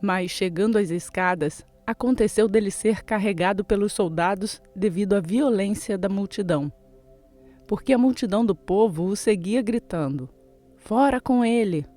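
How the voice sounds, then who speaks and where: Mellow-voiced scripture reader. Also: mid-range voice, moderate pace, faint music behind. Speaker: Bible reader.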